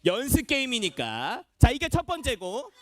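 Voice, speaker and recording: A man's voice: very high voice, normal speed, no room sound. A young man, a children's ministry evangelist, playfully explaining a game to kids during worship. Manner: animated, playful instructions to kids. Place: church children's worship room.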